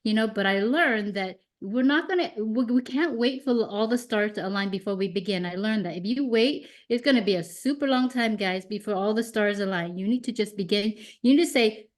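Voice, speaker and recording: A woman's voice: medium pitch, brisk, few pauses. A woman in her fifties, a mindset coach guest on a podcast, talking animatedly and acting out her own thoughts in quotes, sometimes repeating words as she restarts. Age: 50s. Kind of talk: podcast interview.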